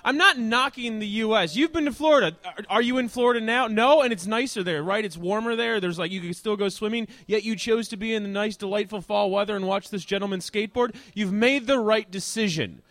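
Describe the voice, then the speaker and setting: Male host, high voice, loose rambling comic patter for a live outdoor crowd; dry close sound. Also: fairly quick, hardly any pauses, no room sound. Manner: rambling, joking asides, sometimes shouting. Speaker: talk show host. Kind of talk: live stand-up style monologue to an audience. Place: outdoors at an evening show.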